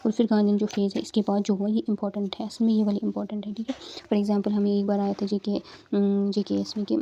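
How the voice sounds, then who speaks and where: A woman's voice: medium pitch, monotone, quick pace, mellow, highs cut off, a little hiss or hum. A young woman tutoring exam candidates in a casual study-guidance talk, explaining step by step with frequent fillers and check-ins.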